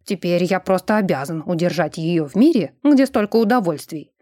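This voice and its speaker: A woman's voice: on the low side, animated, moderate pace, dark tone, dry recording, clean studio sound. A woman voicing a brash, lecherous male werewolf who boasts and teases in a storybook reading. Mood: boastful. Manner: boisterous, teasing and boastful.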